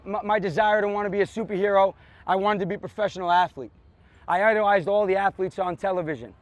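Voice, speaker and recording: A man's voice: sits high, no room sound. A middle-aged man, a police officer, giving an earnest motivational pre-game pep speech to a group, emphatic and repeating phrases for effect. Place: outdoors on a sports field.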